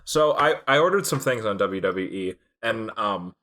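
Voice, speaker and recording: A man's voice: lowish voice, animated, moderate pace, bright, forceful tone. A man co-hosting a casual wrestling podcast, joking and telling stories with laughs. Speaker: podcast co-host.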